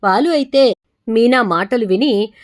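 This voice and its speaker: Chatty woman narrator, slightly high voice. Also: unhurried. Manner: chatty, strings events together with repeated connectives. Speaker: serial recap narrator. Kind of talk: casual storytelling recap.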